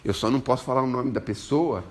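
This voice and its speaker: A man's voice: medium pitch, fast, a little hiss or hum. A man with a Brazilian Portuguese accent giving an informal spiritual talk, joking and chatting with his listeners. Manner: jokey, animated, chats with listeners. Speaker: spiritual lecturer.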